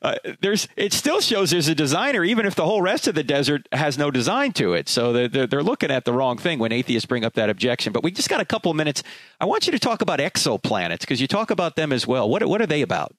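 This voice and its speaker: Animated male radio host, very dry sound. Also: a little high, fast talker, no echo. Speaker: radio show host and interviewer. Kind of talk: conversational radio interview.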